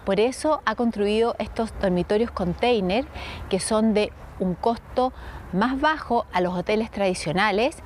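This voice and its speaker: A woman speaking calmly in an explanatory way in a news interview. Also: mid-range voice, unhurried, slight background noise.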